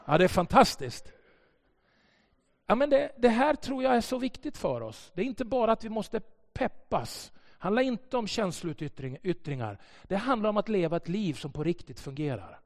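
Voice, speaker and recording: A man preaching a sermon, telling a story and swinging between soft and loud passages. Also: sits high, very animated, in a large hall. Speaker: pastor. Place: church.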